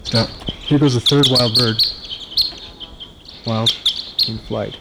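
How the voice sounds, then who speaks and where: A man quietly dictating clipped field observations into a recorder outdoors at a forest clearing at dawn, ending each entry with "stop". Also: mid-range voice, steady tone, slow, heavy background noise. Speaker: field researcher logging bird activity.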